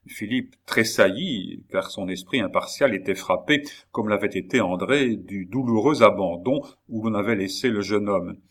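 A male narrator reading a classic novel aloud. His voice sits low and he keeps a measured, literary pace. It sounds like a steady audiobook reading.

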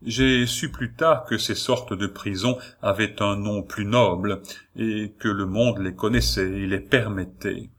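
A man's voice: fairly low pitch, steady tone, unhurried. A man reading aloud voices a frail, frightened young noblewoman telling her plight in a plaintive, lamenting way. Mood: sorrowful.

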